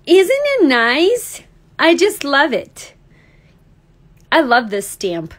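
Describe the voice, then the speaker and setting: Chatty high-voiced woman crafting. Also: huge pitch swings, drawn-out words, low-quality recording. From Serbia. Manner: chatty, thinks aloud, laughs easily. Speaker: card-making host. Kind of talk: casual craft demo livestream. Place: craft desk indoors. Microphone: overhead camera on desk.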